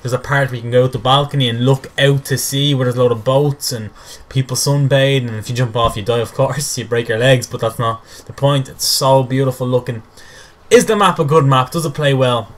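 A young man from Ireland, rambling excitedly and mocking himself as he commentates over game footage. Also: medium pitch, fairly quick. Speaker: gameplay commentator.

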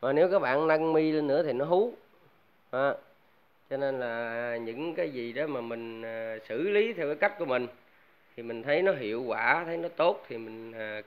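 A man's voice: mid-range voice, clean tone. A man chatting casually to viewers about his home speaker build, rambling with many fillers and restarts. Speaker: DIY audio vlogger. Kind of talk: casual chat to camera. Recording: dull lo-fi home recording.

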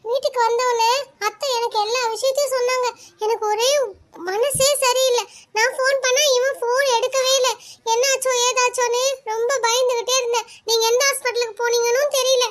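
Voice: extremely high pitch, a bit bright, a little hiss or hum. A performer voicing an anxious middle-aged mother-in-law in a cartoon, fussing and talking over everyone. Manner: worried, talks over others, fussing. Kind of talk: cartoon voice acting.

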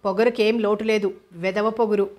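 A woman's voice: medium pitch, fairly even intonation, moderate pace, darkish tone, close to an everyday voice. A woman voicing a spiteful orphanage maid who grumbles in a scornful manner.

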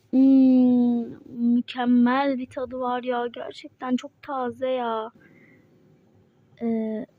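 A woman's voice: high voice, mellow, muffled recording. A young female player doing casual, playful role-play chat in a mobile game. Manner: chatty, playful, quick back-and-forth. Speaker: Toca Life roleplay player voicing Mike.

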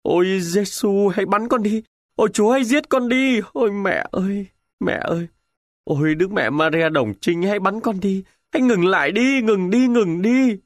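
A man's voice: high voice, moderate pace, dry recording, studio quality, voice pushed up. A man voicing a screaming wounded soldier. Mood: anguished. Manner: wailing, sobbing pleas. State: crying. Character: badly wounded young soldier screaming in agony.

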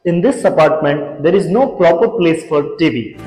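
A young Indian man, founder of a renovation firm, speaks in a slightly high voice with lively intonation. Wearing a lapel mic, he delivers a measured, scripted tour of a large empty apartment, pointing out features and outlining planned changes. The rooms echo and music plays in the background.

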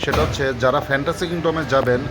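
A man with a Bangladeshi accent speaks to viewers as a vlogger, giving a casual, earnest warning in a halting, repetitive way. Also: fairly high pitch, fairly even intonation, loud music behind the voice. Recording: very noisy outdoor amusement park recording.

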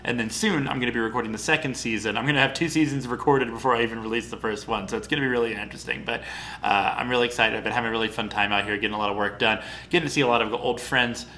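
A man's voice: mid-range voice, fairly even intonation, rapid-fire, pushed and bright, a little hiss or hum. A man chatting casually with lots of fillers and giggles, then reading his own comic fiction aloud. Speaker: writer and performer.

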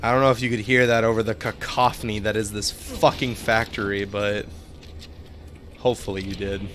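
A man's voice: lowish voice, little pitch movement, normal speed, a bit bright. A young man streaming a game live from home, chatting casually, swearing and laughing as he reads out the game's text. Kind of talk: casual live-stream commentary while playing.

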